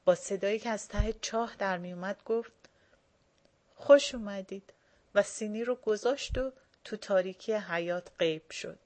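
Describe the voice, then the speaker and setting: Woman storyteller, relaxed first-person reading. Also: medium pitch. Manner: casual spoken storytelling. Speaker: reader.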